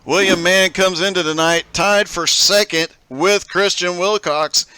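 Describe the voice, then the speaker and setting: A man's voice: sits high, fairly even intonation, a little slow, pushed and bright, smooth, dry recording. A man calling a live sim racing event play-by-play, upbeat and laughing often as he goes. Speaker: race commentator.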